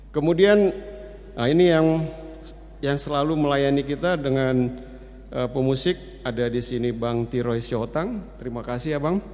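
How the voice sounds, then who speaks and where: A man of about sixty giving church announcements in a relaxed, chatty way, with many hesitant fillers. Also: medium pitch. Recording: long reverb of a church hall.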